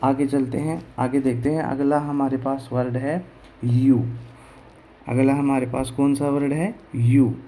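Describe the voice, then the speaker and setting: Guy teaching english sounds real slow, spells stuff out letter by letter, asks himself questions n answers, warm low-key voice. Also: fairly even intonation, slight background noise, rough recording. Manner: spells words letter by letter, repeats answers to his own questions. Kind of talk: slow classroom explanation in Hindi.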